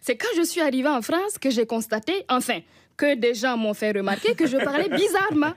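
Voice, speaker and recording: A woman with a high voice and a Burkinabè accent delivers a scripted comic column in a radio studio. Her tone is wry and teasing, and light chuckles run through it. The sound is close and dry. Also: lively intonation, a little fast, no room sound. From Burkina Faso.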